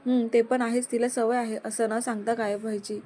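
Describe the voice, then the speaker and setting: A woman reading the part of a mischievous young wife who speaks softly and pleads. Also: a little high, level tone, a little fast, close to an everyday voice. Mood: coaxing. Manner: soft, pleading. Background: background music.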